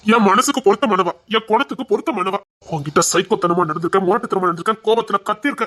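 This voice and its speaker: A woman's voice: medium pitch, racing, a bit bright, lightly acted. Woman playing a drunk, possessive young husband. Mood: earnest insistent.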